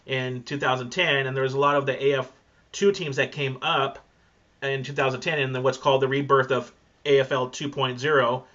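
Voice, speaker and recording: Rambling man with a bright voice. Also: mid-range voice, fairly even intonation, a little fast. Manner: rambling, with many fillers and restarts. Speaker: podcast host. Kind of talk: casual conversation. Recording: dull lo-fi sound.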